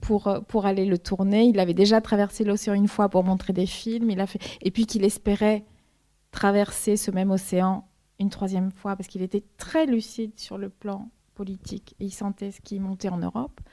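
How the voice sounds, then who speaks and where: A woman's voice: medium pitch, steady tone, normal speed, warm tone. A woman author from Argentina, a native Spanish speaker, answering questions at a bookshop talk with many restarts and repeated words.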